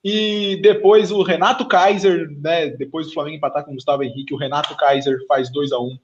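A man with a Brazilian Portuguese accent hosting a live football talk stream, chatting casually and handing off to co-hosts, heard through low-quality online stream audio. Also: lo-fi sound. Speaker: sports show host.

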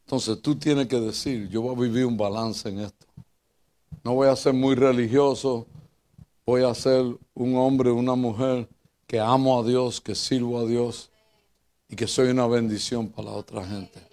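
An older man with a Puerto Rican accent, preaching in a church as pastor and telling funny personal stories, jumping between loud bursts and quiet asides. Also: measured pace. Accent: Puerto Rican Spanish. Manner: lively, joking storyteller who swings between loud bursts and low asides.

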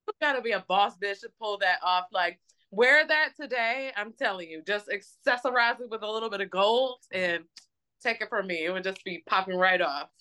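A woman co-hosting a podcast, chatting casually about movies, animated and swearing freely as she acts out reactions. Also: medium pitch, normal speed. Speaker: podcast co-host. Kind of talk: casual chat reviewing movies.

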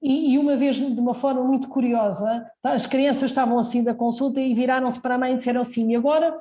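A woman's voice: sits high, steady tone, fast, warm tone, slight background noise. A woman doctor with a European Portuguese accent giving earnest advice in an interview, often restarting her sentences. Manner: earnest, advising, many restarts. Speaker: doctor guest. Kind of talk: casual interview answers.

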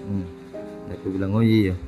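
A man, retelling a hospital possession story in casual chat, animated, acting out the quoted dialogue. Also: low-pitched, moderate pace, over music. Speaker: storyteller guest. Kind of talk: casual spoken ghost story.

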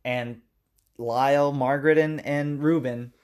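A man's voice: medium pitch, steady tone, darkish tone, smooth. Man retelling a movie plot, casual. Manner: retells scenes at length, acting out lines in quick character voices. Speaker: podcast co-host recapping a movie. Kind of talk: casual chat.

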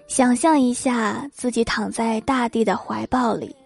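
A woman playing a man who imitates a therapist's slow, soft, hypnotic calming instructions in a comic sketch. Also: a little high, gravelly, breathy edge, full character voice. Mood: soothing. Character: man mimicking a soothing therapist.

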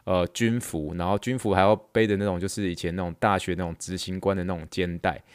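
A young man with a Taiwanese Mandarin accent, hosting a podcast and telling a story in casual chat, acting out shouted slogans as he goes. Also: sits low, fast, clean tone, no echo, studio quality. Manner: animated, acts out shouted slogans in quotes. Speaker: podcast host. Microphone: close podcast mic.

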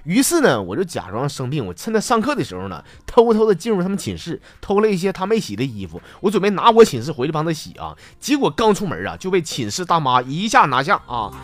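A man's voice: on the high side, wildly swooping pitch, fast talker, few pauses. A man, hosting a podcast and reading listener jokes aloud, chuckling through the punchlines and acting out the quoted lines. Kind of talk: comic joke reading. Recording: loud music bed under the voice.

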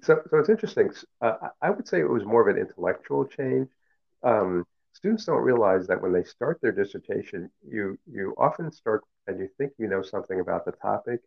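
A middle-aged professor, Cantonese by first language, gives interview answers in a low, gravelly voice with lively intonation. He goes slowly and thoughtfully, often using fillers and restarting, over tinny, phone-like audio.

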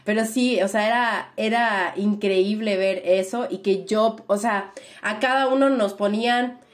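A young woman with a Mexican accent talks through her memories in a relaxed interview. She is animated and reflective, circling back with "o sea" and tag questions as she goes. Her voice sits at an ordinary middle pitch. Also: a little slow. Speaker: interview guest. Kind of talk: casual conversational interview.

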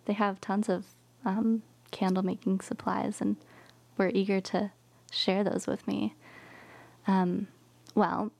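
A woman hosting a casual podcast in a small home studio, chatty, with frequent ums and quick laughs. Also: mid-range voice, flat delivery, gravelly, a little mellow. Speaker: podcast host.

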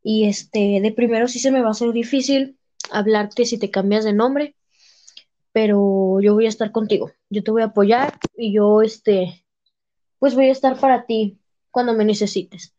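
Young woman quoting a supportive calm father. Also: fairly high pitch, moderate pace, close to an everyday voice. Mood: reassuring. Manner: quoting a father's gentle, reassuring words. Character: speaker's father, supportive, calm middle-aged man. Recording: slightly muffled lo-fi sound.

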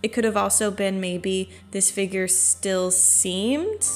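A woman's voice: mid-range voice, slow, faint music behind. A woman co-hosting a casual podcast, explaining and summarizing in an easygoing way, with the odd swear word. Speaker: podcast co-host. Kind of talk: casual conversational discussion.

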